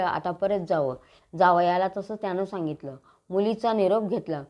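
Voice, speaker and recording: A woman telling a devotional folk tale in a steady, measured storytelling manner. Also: medium pitch, dull audio.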